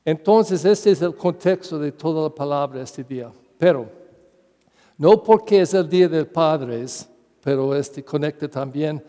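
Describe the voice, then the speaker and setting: Male priest, english accent, higher voice, slow halting homily, long church reverb. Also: warm tone. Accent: English-speaking. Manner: halting, questions to the congregation. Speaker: parish priest. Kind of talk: sermon.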